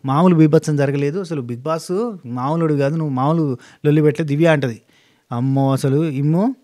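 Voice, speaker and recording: A man, casually recapping a reality show in an animated monologue with quick restarts. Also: on the high side. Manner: rapid, animated retelling with frequent restarts.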